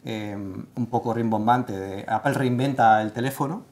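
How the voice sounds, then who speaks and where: A man's voice: mid-range voice, normal speed. Emphatic man talking tech on a studio panel. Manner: emphatic and expressive, many fillers and restarts. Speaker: tech site writer leading the segment. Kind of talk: casual panel discussion. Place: studio set with sofa.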